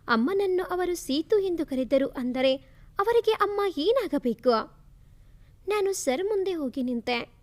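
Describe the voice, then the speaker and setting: A woman reading an emotional first-person family story aloud in a soft, feeling way. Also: sits high.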